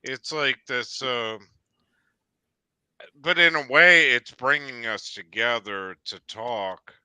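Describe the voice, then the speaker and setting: A man with a sharp, forceful voice and crisp sound leads a casual discussion. He rambles and hesitates, often searching for words. The sound is dry and close. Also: mid-range voice, takes it slowly, no room sound.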